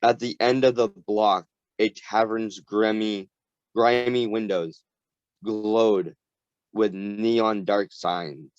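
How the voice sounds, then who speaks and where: Slow, low-voiced man reading aloud. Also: steady tone, a little mellow, dry recording. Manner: careful reading, stumbles over hard words and restarts. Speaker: reader. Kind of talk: reading a novel aloud to a group. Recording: dull lo-fi recording.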